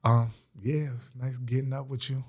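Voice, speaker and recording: Male podcast host, mid pitch, slangy and rambling, lots of fillers. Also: little pitch movement, moderate pace, crowd noise. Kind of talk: casual interview chat.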